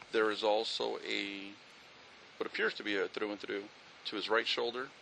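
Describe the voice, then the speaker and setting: A man's voice: on the low side, creaky, pushed and bright, a little hiss or hum, poor audio. A man, a police officer, giving a methodical, factual incident briefing outdoors at a street scene, with frequent fillers.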